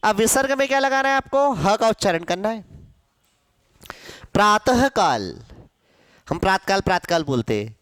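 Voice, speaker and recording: A male Hindi teacher giving a grammar lesson to a class, asking questions and answering them himself, sounding out syllables slowly. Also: high voice, a bit bright, clear, resonant tone, dry recording, studio quality. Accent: Hindi, from central India.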